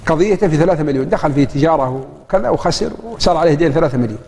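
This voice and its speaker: A man's voice: fairly high pitch, rapid-fire, breathy edge. A man with a Saudi accent preaching and telling a story, acting out the voices of the people in it. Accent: Saudi Arabic. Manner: lively storytelling that acts out the dialogue. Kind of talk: storytelling sermon. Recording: long hall reverb.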